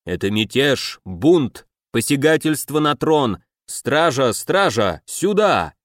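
A man voicing a calm, commanding half-orc king and captain in an audiobook. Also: medium pitch, slow pace, no room sound, studio quality.

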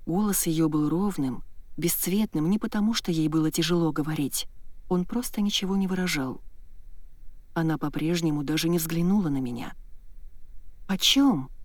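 Low-voiced woman narrating a story. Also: moderate pace, a little mellow, dry recording. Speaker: audiobook narrator. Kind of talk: scripted first-person narration.

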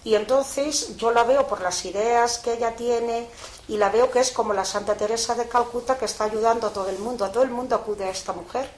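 An older woman being interviewed, telling a story in a casual, lively way with lots of fillers. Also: a little high, fairly quick. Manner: colloquial, lively retelling with frequent fillers. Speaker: interviewee, mother of a prisoner. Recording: echoey room, faint background noise.

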